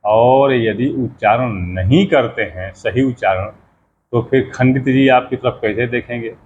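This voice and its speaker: A man, a pandit, explaining how mantras should be pronounced, slowly spelling out sounds and repeating words. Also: medium pitch, a little mellow. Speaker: pandit teaching mantra pronunciation. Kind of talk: explanatory teaching talk. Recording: slightly dull lo-fi sound with faint background noise.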